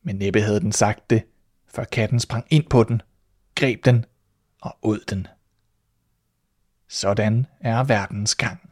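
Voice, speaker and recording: A man reading a fairy tale aloud in a calm, measured storytelling voice as host of his podcast. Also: lowish voice, dry recording, studio quality.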